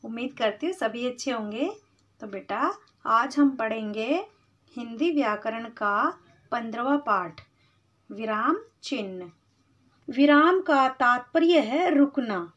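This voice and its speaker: A woman's voice: fairly high pitch, animated, fairly bright tone. A woman teaching Hindi grammar to children, patiently explaining and calling them "beta". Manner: patient, explains slowly, calls students beta. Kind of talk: classroom lesson for children. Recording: slightly dull lo-fi sound.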